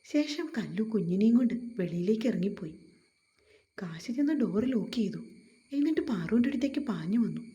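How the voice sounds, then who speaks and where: A woman narrating a family romance story in a gentle, expressive way. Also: mid-range voice, brisk.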